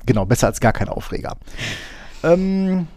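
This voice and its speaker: A man's voice: a little high, very animated, moderate pace, warm tone. A man co-hosting a casual tech podcast, rambling with many fillers and telling grumbling, wry stories. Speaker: podcast co-host. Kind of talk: casual chat.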